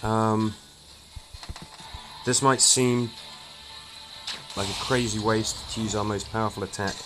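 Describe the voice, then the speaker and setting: A gaming streamer with a low-pitched voice works through a turn-based game in a relaxed, chatty let's-play, speaking slowly with fairly even intonation. He thinks aloud and stumbles over an occasional word, while clear game music plays behind him on poor audio.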